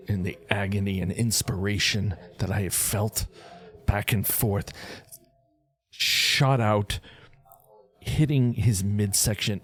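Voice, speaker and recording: Low, slow-spoken theatrical male player. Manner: theatrical, describes actions with flair. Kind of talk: dramatic in-character narration of a tabletop game. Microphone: online voice chat.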